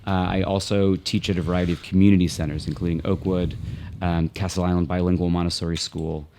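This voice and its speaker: A man who co-founded a theater company and works as an arts administrator and educator, introducing himself in an interview in a steady way. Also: sits low, fast, a little hiss or hum. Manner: steady, list-like self-introduction.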